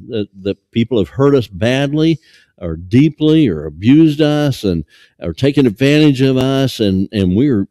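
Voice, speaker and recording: Standing behind a lectern, an older pastor in his sixties preaches to a modest congregation in a dark, mellow voice that sits on the low side. His speech stumbles along with fillers and false starts. The stand mic records him close and dry, with no echo.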